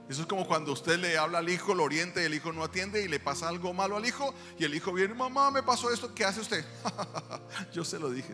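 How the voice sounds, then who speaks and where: A man preaching a sermon as pastor, animated and acting out quotes. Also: medium pitch, long reverb tail. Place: church.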